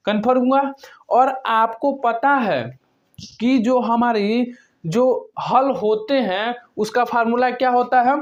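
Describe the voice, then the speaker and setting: A math teacher working step by step through a problem, asking questions and answering them himself, with long pauses between words. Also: medium pitch. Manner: asks and answers own questions. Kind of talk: step-by-step whiteboard lesson. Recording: dull lo-fi recording.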